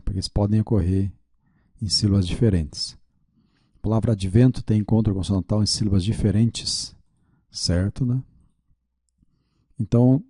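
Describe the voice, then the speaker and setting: A man's voice: on the low side, mellow, husky, dry recording, clean studio sound. A man teaching a video lesson with a Brazilian Portuguese accent, working through quiz questions aloud, checking his answers and admitting his mistakes.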